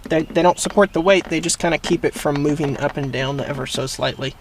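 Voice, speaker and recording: A man with a voice on the high side hosts a casual DIY how-to video, talking a little fast as he explains a hands-on job in a plain-spoken way. There's slight background noise.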